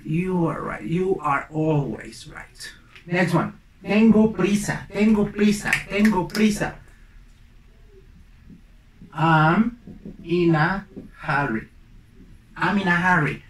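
A man's voice: fairly high pitch, fairly bright tone. A young man teaches English at a whiteboard. He drills each phrase over and over and mixes in playful jokes. The sound is roomy and a little distant, with a faint hiss under it. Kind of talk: bilingual classroom lesson. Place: small room at a whiteboard. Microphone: camera mic from a few feet away.

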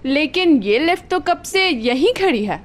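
A woman's voice: high voice, expressive, unhurried. An actress playing a coy, theatrical woman in her thirties in a dubbed TV drama. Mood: teasing. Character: teasing, theatrical woman turning soothing. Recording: music under the voice.

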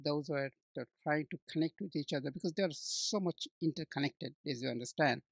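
A man in his sixties from Bangladesh, talking as an interview guest, halting often with fillers and restarts. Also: fairly high pitch, vocal fry, no echo. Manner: hesitant, many restarts and fillers, warm laughs. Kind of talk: conversational interview.

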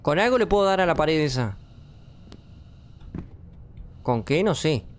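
A man's voice: a little high, very animated, a little slow, a little hiss or hum. A young man with an Argentine accent giving jumpy, swearing commentary while playing a horror game and talking to his viewers. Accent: Argentine Spanish. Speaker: gaming streamer.

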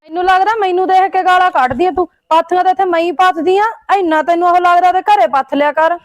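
A proud, defiant village neighbour, played by a woman with a Punjabi accent, who boasts and snaps back. Her voice is very high and quick, and the sound is dry. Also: no room sound.

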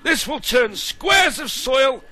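A loud dwarf taskmaster for a cartoon video game, pitched very high and piercingly bright. He bosses and scolds his diggers in slow, hectoring instructions that swoop up and down. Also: lively intonation, heavily acted. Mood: bossy instructing. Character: loud, bossy, ale-loving dwarf mine taskmaster. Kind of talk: cartoonish game tutorial acting.

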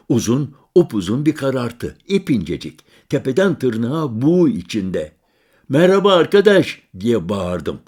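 A man narrating a literary story in the first person, calm and measured, lingering over lists. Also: on the low side, husky. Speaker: audiobook narrator.

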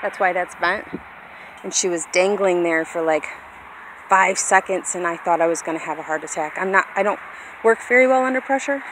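Talking fairly quickly, a woman in her thirties who vlogs and keeps a hobby farm chats loosely with viewers, often at her own expense. The clip comes from a handheld phone at arm's length in an open grassy yard, and wind, outdoor noise, and a rumbling sound like a vehicle come through.

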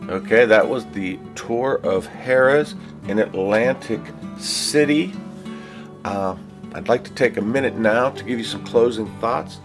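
A man's voice: medium pitch, unhurried, music in the background. A middle-aged man casually touring a casino hotel and giving practical travel tips on a handheld phone camera. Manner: chatty, easygoing, practical tips. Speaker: travel vlogger. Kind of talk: casual walking tour and review. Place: hotel casino and hotel room, indoors.

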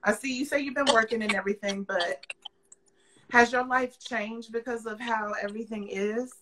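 A woman in her thirties hosts a casual interview over a webcam, her voice bright and a little high. She talks in a playful, encouraging way, and faint noise hums behind her. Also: steady tone, normal speed, poor audio. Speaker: interview host. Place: indoor room at home. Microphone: video call webcam.

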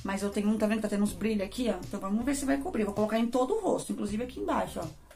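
A woman's voice: mid-range voice, expressive, racing, gravelly, mellow. Chatty Brazilian woman reviewing makeup. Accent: Brazilian Portuguese. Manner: chatty, addresses viewers as gente. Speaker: beauty vlogger. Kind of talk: casual product review.

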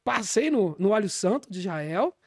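A man with a Brazilian Portuguese accent playing a shameless self-styled apostle in a deadpan comic podcast monologue, rambling with preachy asides. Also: high-pitched, normal speed, no room sound, clean studio sound, exaggerated voice. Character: brash, shameless male pastor calling himself apostle.

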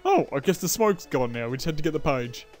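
A young man giving casual gameplay commentary as a let's play host, chatty and self-mocking, with frequent laughs and excitable outbursts. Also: a little high, fast, soft background music.

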